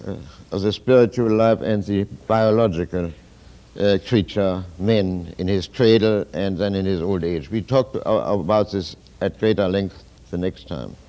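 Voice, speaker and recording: A man giving a lecture in a halting, philosophical way, full of restarts and emphatic turns. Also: sits low, warm tone. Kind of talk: university lecture.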